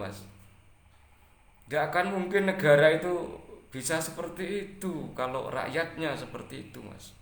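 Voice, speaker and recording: A man with a Javanese accent talking casually to viewers, lecturing and climbing higher in pitch when he scolds. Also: a bit bright, roomy sound. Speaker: live-stream host answering viewer comments. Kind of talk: casual talk mixing Indonesian and Javanese.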